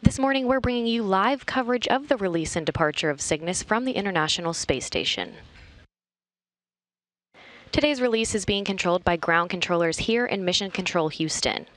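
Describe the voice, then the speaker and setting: A woman's voice: medium pitch, brisk, a bit bright. A woman giving formal, informative live commentary as a mission control announcer. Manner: formal, clearly structured announcing. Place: flight control room.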